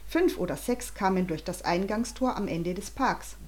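Woman, children's audiobook narration, animated, dramatic, expressive. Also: medium pitch, moderate pace. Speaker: audiobook reader.

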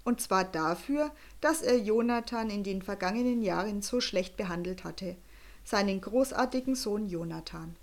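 A woman narrating a children's story with a lively, expressive reading. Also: medium pitch, moderate pace.

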